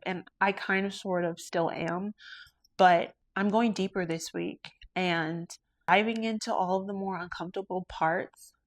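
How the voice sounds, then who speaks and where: A woman with a fairly low voice talks through her own podcast. She is earnest and introspective, and speaks about faith and her work as a lash artist in a thoughtful solo monologue. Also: a bit bright. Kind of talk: reflective solo podcast talk.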